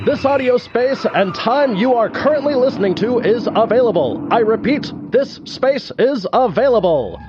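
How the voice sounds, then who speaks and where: A very high-pitched male announcer breaks in like a hijacked broadcast, his lines short, clipped and urgent. The sound is dull and lo-fi, with loud music running underneath. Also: animated, moderate pace, hardly any pauses. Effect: mock hijacked-broadcast interruption. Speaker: radio station announcer. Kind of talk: scripted station promo.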